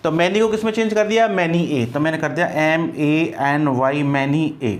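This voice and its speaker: High-voiced man teaching English grammar. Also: fairly even intonation, moderate pace. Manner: spells words out letter by letter and drills pronunciation. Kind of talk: exam-prep grammar lesson.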